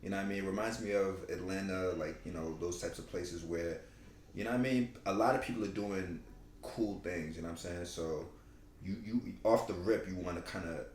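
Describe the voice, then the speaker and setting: A man's voice: low voice, fairly quick, darkish tone. A man chatting casually as a podcast co-host, slangy, often tagging his points with "you know what I mean". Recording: roomy echo with faint background noise.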